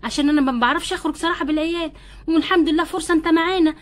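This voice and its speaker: In a homemade doll-play story, a woman voices a tender yet bossy young wife doll, coaxing and nudging in an Egyptian Arabic accent. Her high voice races along at breakneck speed, with a reassuring mood.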